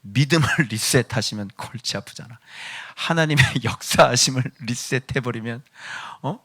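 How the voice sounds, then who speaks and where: Male pastor, sermon; piercing, sharp tone, hammering rhetorical questions, swings loud to hushed. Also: moderate pace, slightly rough. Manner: swings between loud exhortation and hushed low delivery.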